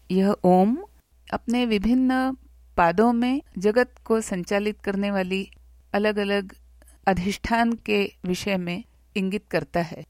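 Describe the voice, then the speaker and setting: A woman teaching Sanskrit who explains a devotional hymn in a slow, measured way and chants its verses. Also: mid-range voice, a little mellow.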